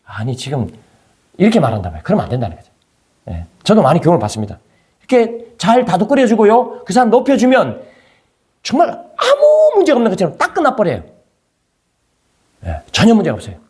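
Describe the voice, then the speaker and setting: A man's voice: high-pitched, wildly swooping pitch, quick pace, long pauses, a little mellow. A male pastor preaching a conversational sermon, firing rhetorical questions at his congregation.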